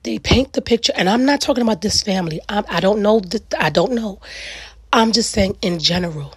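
A middle-aged woman with a raspy, gravelly voice hosts a solo reflective talk, speaking earnestly and emphatically in weighty repeated phrases. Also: medium pitch, fairly quick, no room sound. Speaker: podcast host.

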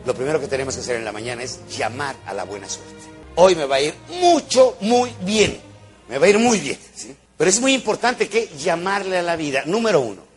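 A man's voice: on the high side, animated, brisk, soft background music. A man giving a motivational talk to a live audience, a theatrical, joking storyteller who acts out voices and sounds. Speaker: motivational speaker.

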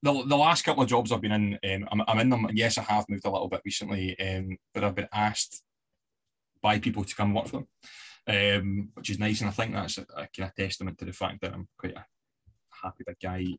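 A man's voice: on the low side, flat delivery, fairly quick, a bit bright, slightly rough. A Scottish man from the west of Scotland, a podcast guest chatting casually and telling stories with easy fillers. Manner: chatty storyteller with fillers and laughs. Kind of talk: casual interview chat.

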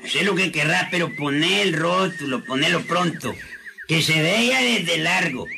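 An actor playing a proud, boastful village shopkeeper, in a radio comedy. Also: male voice, fairly high pitch, lively intonation, a little slow, gravelly, background noise. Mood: bossy. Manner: boastful, sly, uses vos.

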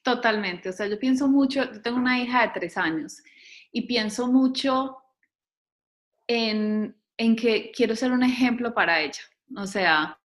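A woman talking thoughtfully in casual conversation, with frequent fillers and lively quoting of others. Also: fairly high pitch, measured pace.

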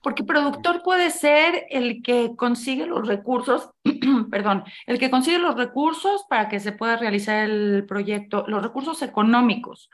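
A woman's voice: a little high, normal speed. A woman with a Mexican accent presenting a show and interviewing in a conversational style. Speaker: program host, interviewer.

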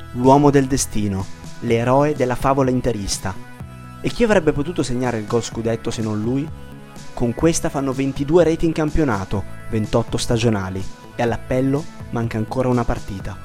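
A man's voice: mid-range voice, normal speed, darkish tone, faint music behind. A man narrating a scripted football story in a dramatic, literary manner.

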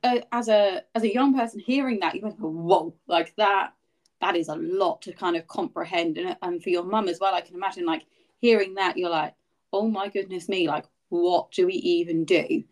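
A woman's voice: lowish voice, normal speed, darkish tone. Chatty woman hosting a podcast. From England. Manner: chatty, empathetic, thinks aloud. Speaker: podcast host. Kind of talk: casual interview chat.

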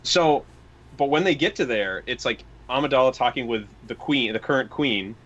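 A man's voice: medium pitch, animated, normal speed, a bit bright. Guy rambling casually, keeps restarting, kinda muffled lo-fi sound. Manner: rambling, frequent restarts and quoted asides. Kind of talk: casual chat. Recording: dull lo-fi recording.

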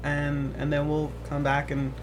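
A man hosts his podcast in a loose, casual chat, his voice sitting a little high. He talks emotionally and haltingly, circling back over his words. A steady hum of background noise runs under the recording. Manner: emotional, halting with many restarts. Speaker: podcast host.

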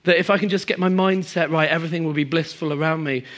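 A man preaching a sermon to a congregation, moving between emphatic high passages and quiet, low stretches. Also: fast. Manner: animated, swings from emphatic highs to quiet low asides. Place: church hall in front of a congregation.

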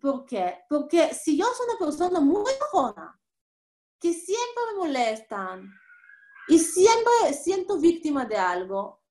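A woman gives a spoken religious lesson in a high, bright voice. Her pitch swings widely as she asks questions and answers them herself. Now and then she acts out everyday speakers. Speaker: religious teacher; mother.

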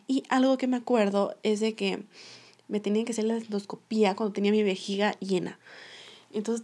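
A woman's voice: medium pitch, a little mellow. A young woman telling a personal story to her viewers in a casual, chatty way, laughing often. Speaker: vlogger.

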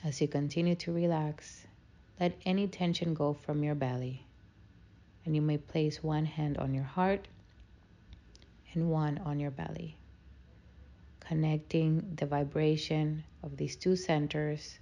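Woman, meditation guide, soothing and unhurried, creaky low voice, slightly muffled recording. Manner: slow, soothing, calming delivery.

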